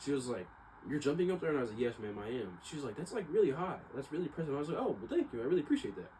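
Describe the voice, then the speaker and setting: With a warm, sing-song, mid-range voice, a man talks rapid-fire and off the cuff, rambling, doubting himself and repeating as he circles back. Noticeable ambient noise runs underneath.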